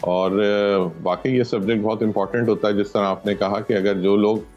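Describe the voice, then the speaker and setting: A man, an astrologer explaining predictions on a TV show in a measured way with many hesitations. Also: on the low side, steady tone, lo-fi sound, faint music behind. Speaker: astrologer guest.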